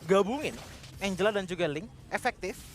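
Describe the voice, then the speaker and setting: A man's voice: high voice, fairly quick, slight background noise. An Indonesian man giving live esports play-by-play and analysis in wordy, flowing explanations. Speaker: esports match commentator.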